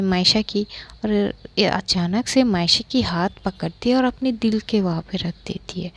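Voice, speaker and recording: A woman's voice: mid-range voice, no echo. A woman narrating a romance story in a casual, conversational way, full of fillers. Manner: conversational retelling, filler-heavy.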